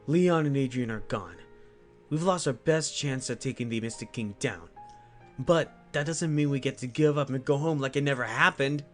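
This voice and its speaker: Team leader, male actor: medium-pitched, earnest, rallying, amateur drama read with faint music. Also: normal speed, close to an everyday voice. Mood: earnest resolve. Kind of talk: amateur animated drama acting.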